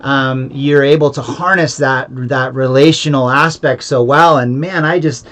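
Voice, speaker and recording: A man's voice: mid-range voice, fairly even intonation, measured pace, fairly bright tone. A man talking casually as an interviewer, affirming and reflective. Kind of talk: casual conversation.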